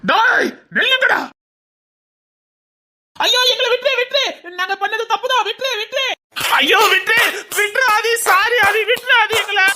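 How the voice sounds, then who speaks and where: A woman voicing a gang of bullying male college students in an audio drama, shouting taunts and orders. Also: sits high, expressive, moderate pace, background noise, voice pushed up. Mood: panicked. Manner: jeering, barking orders, loud. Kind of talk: Tamil audio drama acting.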